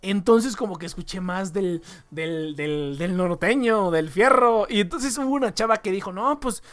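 A man's voice: high-pitched, normal speed, a bit bright. Man, podcast host, casual chat, swears freely, jokey slang. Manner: profane, joking slangy banter.

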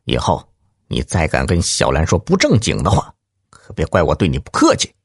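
A man voicing an angry young village husband who speaks in a gruff, threatening way. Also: rumbling low, wildly swooping pitch, moderate pace, no echo, clean studio sound, voice pushed down, heavily acted.

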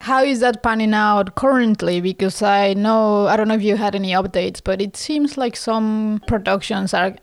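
A woman's voice: mid-range voice, normal speed, few pauses, dry recording, clean studio sound. A woman co-hosting a casual chat on a call, talking in a chatty way with light laughs. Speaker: co-host.

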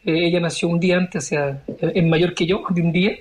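A man in his forties, born in Chile, answering interview questions as a member of parliament in a measured way, searching for his words. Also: on the high side, steady tone. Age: 40s.

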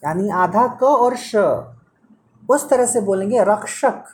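A man's voice: high voice, slow pace, darkish tone. A man teaching Hindi pronunciation to a student one-on-one, patiently repeating sounds and correcting mistakes.

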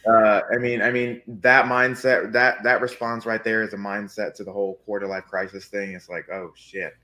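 A man in his mid-twenties talks as a guest on a casual podcast. His voice sits low, and he rambles loosely with a joking, self-deprecating humor. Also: little pitch movement, moderate pace, sharp tone. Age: 20s.

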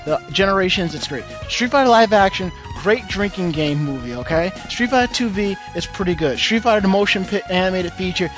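A man's voice: high voice, expressive, fairly quick, hardly any pauses. A man hosting a podcast in casual banter, opinionated and given to emphatic repetition. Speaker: podcast host. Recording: music playing behind the voice.

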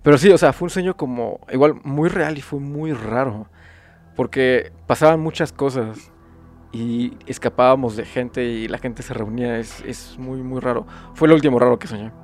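A man's voice: medium pitch, normal speed, darkish tone, faint music behind. A man chatting loosely and jokingly on a podcast. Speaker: podcast co-host. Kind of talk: casual chat.

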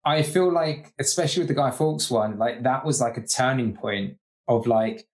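A man from the UK in casual chat, rambling with lots of fillers and getting animated as he makes his points. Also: medium pitch, normal speed. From United Kingdom. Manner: rambling, heavy use of "like", animated.

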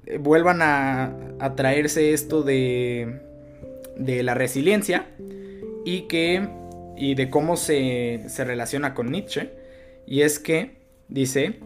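A man with a Mexican Spanish accent hosting a podcast, giving earnest motivational advice, repeating his key phrases and swearing casually. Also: a little high. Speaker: podcast host.

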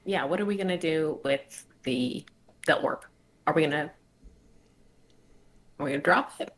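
A woman's voice: deep voice, moderate pace, fairly bright tone, slight background noise. Chatty woman playing a tabletop game. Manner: chatty, laughs often, hesitant fillers. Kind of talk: casual in-character play.

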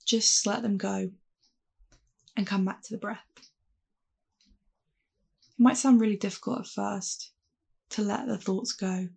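In a husky, creaky mid-range voice, a woman leads a guided mindfulness meditation built around calm grounding. She gives gentle, reassuring instructions slowly, pausing often.

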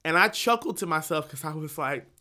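A man's voice: on the high side, fairly quick. A man who works as a teacher, telling a story in a casual chat, swearing freely and laughing often. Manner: animated, profane, laughs through his stories. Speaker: teacher and podcast co-host.

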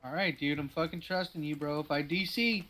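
A man's voice: a little high, a little fast, fairly bright tone, a little hiss or hum. A man chatting casually while gaming, full of bro slang and heavy swearing. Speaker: gamer on a stream.

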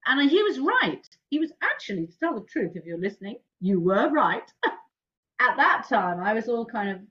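A husky-voiced woman from England, a jazz singer, tells personal stories at a normal speed in a casual interview, her pitch fairly high. Animated and laughing often, she jumps her voice up when quoting herself, and the lo-fi sound comes across a bit dull.

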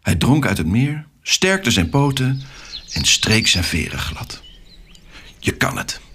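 A man narrating a children's story with an expressive, animated reading. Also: medium pitch, slow pace, slight background noise.

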